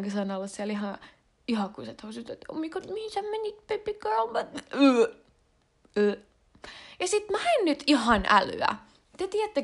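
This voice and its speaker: A woman's voice: fairly high pitch, creaky. A young adult woman vlogging in a casual confessional chat, rambling with lots of fillers and slang. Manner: rambling and slangy, with frequent fillers and English words mixed in.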